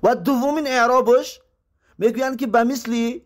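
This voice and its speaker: Tajik-accented guy with a high voice, teaching grammar, reads each term slow then explains. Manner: slow deliberate reading of Arabic terms, then explaining. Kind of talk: grammar lesson.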